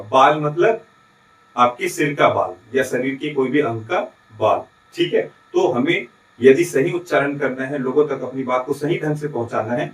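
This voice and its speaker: His voice fairly high, a Chhattisgarhi man teaches with a Chhattisgarhi Hindi accent in a recorded class. He goes step by step, answers the questions he asks, and often adds checking tags to confirm students are with him. The recording is low quality in an echoey room.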